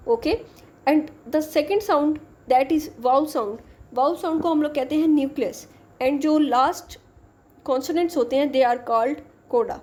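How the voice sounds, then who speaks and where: A woman teacher walks through exam material in a high, mellow voice. She speaks unhurriedly, switching between English terms and Hindi-Urdu as she explains each point. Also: takes it slowly. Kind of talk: exam-prep lecture.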